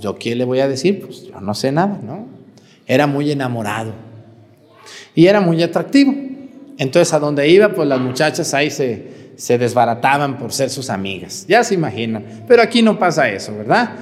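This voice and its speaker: Folksy Mexican priest in a reverberant church. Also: male voice, a little high. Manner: folksy storytelling, rhetorical asides. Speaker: parish priest. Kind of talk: sermon.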